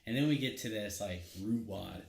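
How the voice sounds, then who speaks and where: A man co-hosting a podcast, telling a story in casual chat, animated and laughing often. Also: lowish voice, moderate pace, gravelly, a crowd in the background. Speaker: podcast co-host. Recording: echoey room.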